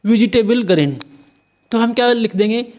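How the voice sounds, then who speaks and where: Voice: mid-range voice, lively intonation, moderate pace, a little mellow. A teacher from India walking through an exam paper, spelling words letter by letter and answering their own questions. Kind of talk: exam paper walkthrough lesson.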